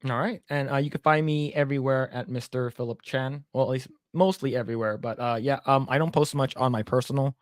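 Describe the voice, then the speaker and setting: Brisk and steady in tone, with few pauses, a young man with a mid-range voice co-hosts a podcast. His casual chat is rambling and blunt with offhand swearing, and the studio-quality recording has no echo.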